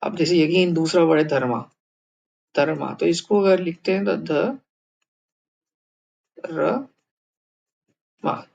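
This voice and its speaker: A man explains a lesson in a loose, unscripted way. He pauses, repeats words and fills gaps with hesitant sounds as he works things out aloud. The audio is a little dull and lo-fi. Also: a little high, gravelly, darkish tone. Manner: thinking aloud, many fillers and repeats. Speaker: language teacher. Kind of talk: casual screen lesson.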